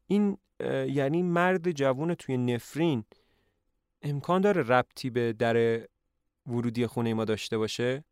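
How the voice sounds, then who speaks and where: A man voicing an excitable, fussy middle-aged male doctor in a narrated play, speaking high and loud. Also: clean tone, no echo, clean studio sound, natural voice. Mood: excited. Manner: high-pitched and loud, eager.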